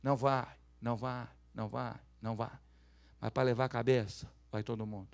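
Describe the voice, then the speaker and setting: A man from Brazil preaching a sermon as pastor, swinging from quiet asides to loud calls for the congregation to repeat after him. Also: medium pitch, level tone, normal speed, creaky.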